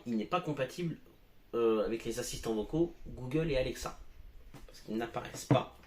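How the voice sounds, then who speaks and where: A man's voice: mid-range voice, a little mellow, reverberant. A man giving a casual product demo at home as a tech reviewer, talking with many hesitations and fillers.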